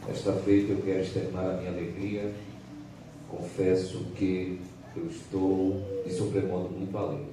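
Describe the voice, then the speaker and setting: A visiting male evangelist from Pernambuco, Brazil, preaches a sermon with scripture reading at a church service, speaking Brazilian Portuguese with a Pernambuco accent in a formal, emphatic, dramatic reading style. His deep, mellow voice moves little in pitch at a normal speed. The recording is made from far off in an echoey church hall, with background noise.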